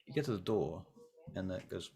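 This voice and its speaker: A man's voice: deep voice, lively intonation, fairly quick, creaky, dark tone. A man narrating a tabletop game as game master, describing scenes with frequent ums. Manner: descriptive, with many filler ums.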